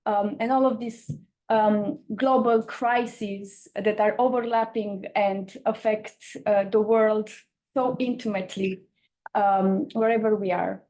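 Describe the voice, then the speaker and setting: A young woman from Romania with an Eastern European accent, giving an informal conference talk with frequent hesitant pauses. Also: mid-range voice, fairly even intonation, dark tone. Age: young adult. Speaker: campaigner, panel speaker.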